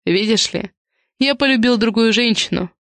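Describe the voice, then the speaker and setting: A woman's voice: on the high side, moderate pace, a bit bright, no echo. A woman reading the part of a middle-aged husband in an audiobook, defensive and blunt. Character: cornered middle-aged husband leaving his wife.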